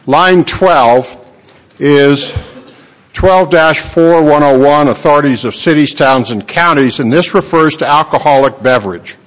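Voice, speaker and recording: A man, a committee chairman, giving a plain floor speech in a legislative chamber with a few halting restarts. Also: fairly high pitch. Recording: dull lo-fi chamber feed.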